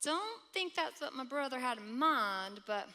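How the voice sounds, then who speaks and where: A woman's voice: sits high, big pitch swings, unhurried, sharp tone, heavily acted. A woman in a church drama playing a kind, polite townswoman who speaks earnestly.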